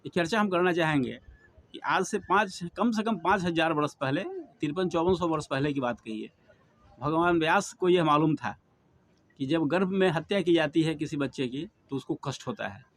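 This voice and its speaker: A middle-aged man giving an earnest devotional discourse on scripture, rising and falling for emphasis as he preaches. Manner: earnest, preaching, rises and drops in pitch for emphasis. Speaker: Bhagavatam speaker.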